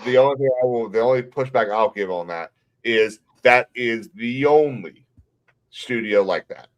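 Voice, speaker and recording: A man, hosting a casual gaming chat, blunt and quick to laugh. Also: medium pitch, dull audio. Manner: relaxed, blunt, laughs easily. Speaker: podcast host.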